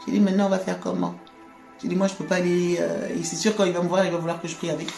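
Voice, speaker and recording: Woman telling her faith testimony, lowish voice, laughs a lot, echoey room, faint music. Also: very fast, vocal fry. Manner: animated, laughs often, repeats words. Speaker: guest giving testimony.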